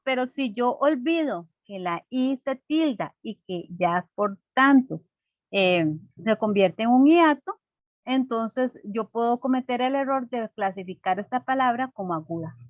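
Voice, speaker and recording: Woman teacher, slightly high voice, patient classroom explanation, frequent check-in questions, dull dry lo-fi sound. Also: animated, unhurried, no room sound. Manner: patient, simple teaching to children.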